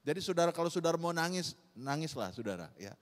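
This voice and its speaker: A middle-aged man preaching a sermon as pastor, repeatedly calling out to the congregation, moving between loud exhortation and soft, confiding storytelling. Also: a little high, sing-song, fast talker, big-room sound. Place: church hall.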